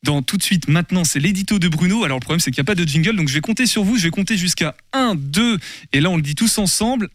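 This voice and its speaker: Brief man, radio host, quick patter, dry close mic. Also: sits high, lively intonation, no room sound. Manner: upbeat, moving the show along. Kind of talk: hosting a live radio show. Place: radio studio.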